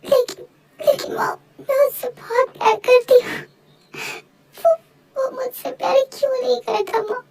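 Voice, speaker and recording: A woman's voice: extremely high pitch, a little fast. A woman voicing an emotional young college girl in a fan voice-over drama. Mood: crying. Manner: emotional, sobbing when hurt.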